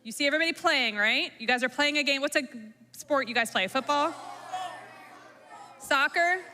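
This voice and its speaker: A woman's voice: sits high, moderate pace, pushed and bright. A woman talking to a middle school class, drawing them in with questions and simple examples. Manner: engaging, asks the class questions. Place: school room or hall, long echo. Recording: reverberant hall sound.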